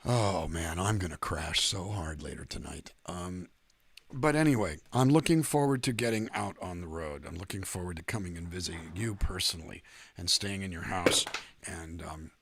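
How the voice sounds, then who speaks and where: A man's voice: sits low, moderate pace, vocal fry, a bit bright, slightly rough, no echo. A middle-aged man, a singer-songwriter hosting a livestream, chatting casually in a rambling, self-deprecating, joking way.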